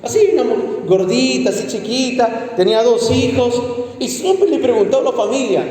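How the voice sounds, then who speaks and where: A man preaching a sermon, telling stories in an animated way and acting out the quotes. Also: very high-pitched, moderate pace. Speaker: pastor. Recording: echoey church hall from far off.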